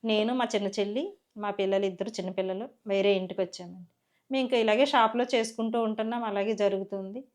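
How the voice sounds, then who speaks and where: A woman's voice: mid-range voice, fast, a little mellow. A woman giving a personal faith testimony as a church member, telling her story in an earnest, conversational way.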